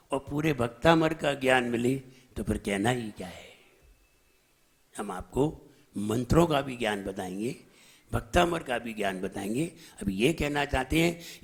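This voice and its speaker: A man's voice: medium pitch, vocal fry. A man, a Jain monk, preaching a sermon in a teacherly way, correcting pronunciation and asking rhetorical questions.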